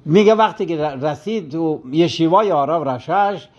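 A man's voice: fairly high pitch, animated, lo-fi sound. A man who teaches religion, telling a moral story in a sermon on a broadcast and acting out the quoted complaints.

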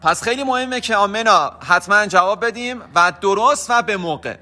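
Man, religious teacher, high bright voice, patient explainer. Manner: explanatory, patient, repeats key points. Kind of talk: religious lesson.

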